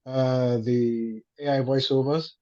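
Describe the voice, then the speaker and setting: Client on a video call, mid-pitched man, polite and hesitant, dull lo-fi sound. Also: steady tone, takes it slowly, warm tone, soft background music. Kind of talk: video call work meeting.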